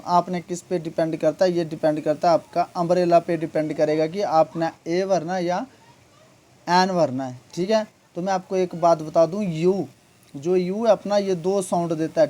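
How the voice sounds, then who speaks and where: A man teaches a grammar lesson in a mellow, relaxed voice. He explains each point patiently, repeats himself and keeps checking that his listeners are following along. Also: on the high side. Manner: patient, repetitive, keeps asking "okay?".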